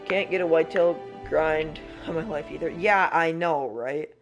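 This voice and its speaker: A man's voice: fairly high pitch, normal speed, faint music behind. Rambling young man streaming a game. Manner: rambling, self-interrupting, frustrated. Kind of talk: casual live-stream chat.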